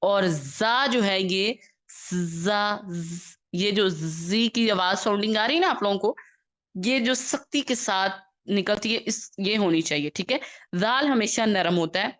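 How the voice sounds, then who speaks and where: Woman teacher, slow drawn-out letter drills. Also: medium pitch, a bit bright. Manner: checks in constantly, stretches out letter sounds in slow demonstration. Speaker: Quran recitation teacher. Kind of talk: online class instruction.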